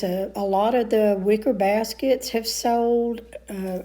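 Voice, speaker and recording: In a homey home vlog, a middle-aged vlogger and booth reseller talks casually, sprinkling in small fillers. She has a mellow, medium-pitched voice, and the recording is rough.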